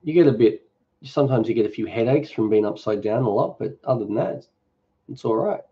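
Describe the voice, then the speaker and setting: Hosting a live stream for his cooking channel, a middle-aged Australian man jokes and rambles easily as he reads and responds to viewers' questions. He talks fairly quickly in a mid-range voice, and the audio comes across dull.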